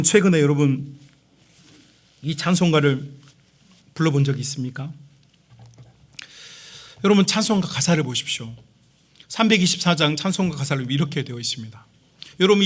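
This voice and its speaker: A middle-aged man preaches a sermon with emphatic force, turning to address the congregation again and again. His voice is high-pitched and bright, with a keen, ringing edge. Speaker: pastor.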